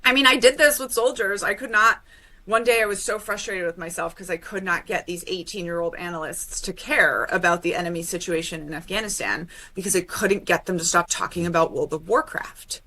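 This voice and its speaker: A woman guest on a podcast, a former Army intelligence officer, telling stories in an animated, quick way and often cutting herself off to restart a sentence. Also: lowish voice. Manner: animated, quick storytelling with self-interruptions. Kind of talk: casual interview talk.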